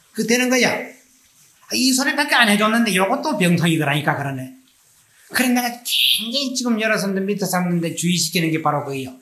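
A Buddhist monk with a Gyeongsang accent tells anecdotes in a lecture, acting out the dialogue as he goes. His man's voice sits a little high and comes across bright and forceful. The recording rings in an echoey room with a faint hiss underneath. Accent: Gyeongsang Korean. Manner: animated storytelling, acting out dialogue.

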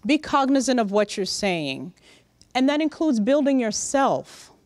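A middle-aged woman giving a lively, direct motivational talk to young interns in a large conference room, speaking into a handheld microphone. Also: fairly high pitch, measured pace, no room sound. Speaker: workshop speaker. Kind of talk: motivational professional-development talk.

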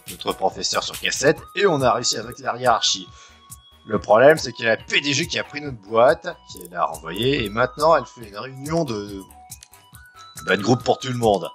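A man's voice: mid-range voice, a bit bright. A man casually commenting on a video game in a let's play, making wry, chatty asides.

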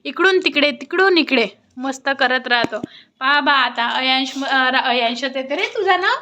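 A woman's voice: high voice, expressive, moderate pace, sharp tone, slight background noise. A young woman vlogging at home on a phone, chatting to viewers and coaxing a toddler in a sing-song way. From Sakoli, Maharashtra. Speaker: family vlogger. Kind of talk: casual home vlog. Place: family home indoors.

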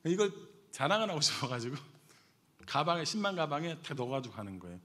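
A middle-aged man preaching a sermon as pastor, telling a story with animated swings between loud and hushed delivery. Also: on the high side, quick pace.

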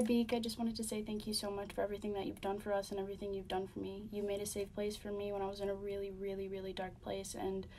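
Teen girl, monotone, dark voice, distant mic. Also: medium pitch. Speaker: student. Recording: distant mic with faint noise.

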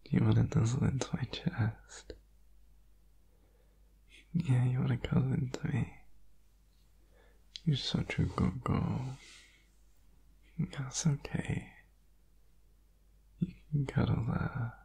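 A man playing a needy, sleepy, affectionate boyfriend in an ASMR whispered role-play, tender and clingy, with a husky, creaky whisper. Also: mid-range voice, fairly even intonation, mellow, heavily acted. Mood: soothing. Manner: slow, tender, clingy, soothing. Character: needy, sleepy, affectionate boyfriend cuddling his partner in bed.

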